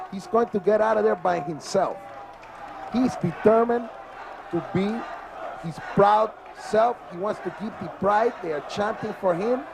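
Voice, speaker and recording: A man's voice: sits high, vocal fry. A man giving emphatic play-by-play wrestling commentary, heard from a worn VHS tape copy. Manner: emphatic, repeats "ladies and gentlemen". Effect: worn VHS tape copy with hiss. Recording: worn tape hiss over loud arena crowd. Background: cheering wrestling crowd.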